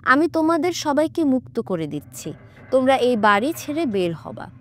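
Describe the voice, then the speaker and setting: A woman voicing a calm, commanding male exorcist in a horror audiobook, stern and mocking as he questions a spirit. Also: sits high, moderate pace, slight background noise. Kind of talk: audiobook character voice.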